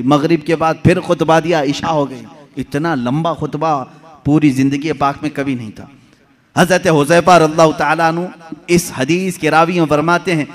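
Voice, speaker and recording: A male mufti giving an impassioned sermon, swinging from loud calls to hushed storytelling. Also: on the high side. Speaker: mufti preacher.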